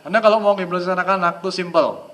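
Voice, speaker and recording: A man giving a live training seminar, his voice bright and slightly high. He talks in a lively, chatty way and sometimes drops to a low, soft voice to demonstrate. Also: fast. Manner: lively, chatty, acts out quoted dialogue. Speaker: hypnosis trainer.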